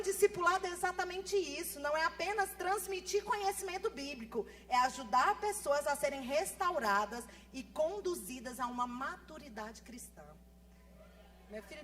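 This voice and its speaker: A woman in her thirties, a pastor, preaching a sermon fast and with lively swings between soft asides and loud emphasis. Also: high voice. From Brazil. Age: 30s. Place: church.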